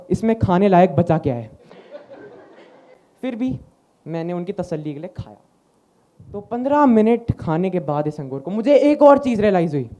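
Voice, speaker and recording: Young male stand-up comic, storyteller, dark relaxed timbre. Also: high voice, dull audio. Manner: storytelling, acting out dialogue. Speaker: stand-up comedian. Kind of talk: stand-up comedy set.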